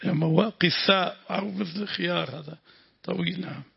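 A man's voice: high voice, fast, vocal fry, husky. A man with a Lebanese accent teaching Quran exegesis, explaining points and quizzing his students as the text is read. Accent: Lebanese Arabic. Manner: explains and quizzes the students, repeating words after the reader. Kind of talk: classroom commentary on a read text. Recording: dull lo-fi lesson recording.

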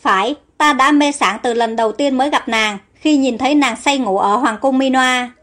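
A brooding, resentful outcast prince in a storybook who nurses old grievances, voiced by a woman reading in her own high voice. His lines come out heavy and bitter. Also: moderate pace, fairly bright tone, faint music behind. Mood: pleading love.

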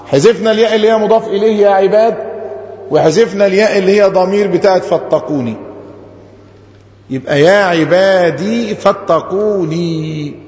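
A man with an Egyptian accent teaching a grammar lesson as an Islamic scholar. He stretches out quoted verses slowly and puts rhetorical questions to his class. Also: high voice, darkish tone, a little hiss or hum. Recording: echoey hall, dull muffled audio.

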